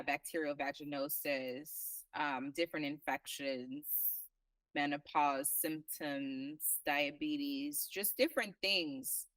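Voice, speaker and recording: A young woman from Liberia talks earnestly about her path as a herbalist, pausing and restarting as she gathers her thoughts. Her voice sits low. The sound is dry, with her set back from the microphone. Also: fairly bright tone, dry recording, distant mic, rough recording. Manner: earnest, reflective, halting restarts. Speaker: guest herbalist. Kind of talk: casual interview talk.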